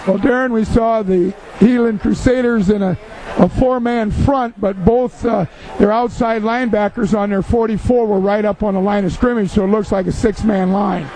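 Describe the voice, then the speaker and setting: A man giving live football color commentary in a halting, explanatory way. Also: high voice, fairly even intonation, dark tone, low-quality recording.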